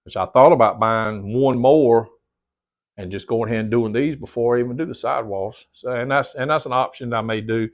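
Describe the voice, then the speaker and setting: Speaking fairly quickly at a medium pitch, a middle-aged man with a bit of a stuffy nose talks to the camera from his home theater room. He rambles casually, repeats himself, and addresses viewers as "guys," and the audio is dull and lo-fi.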